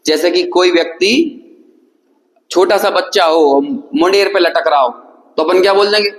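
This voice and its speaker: A man's voice: sits high, normal speed. A man from India giving a scripture lecture in a hall, explaining with questions and repeated examples. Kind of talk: scripture lecture with chanted verses. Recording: echoey hall.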